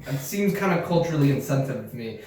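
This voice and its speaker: A man's voice: medium pitch, animated, fast talker, a little mellow, natural voice. A young man playing a dry, skeptical interviewer. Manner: dry, reads off the résumé with skeptical questions. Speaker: interviewer in a comedy sketch. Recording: very echoey room, mic far off.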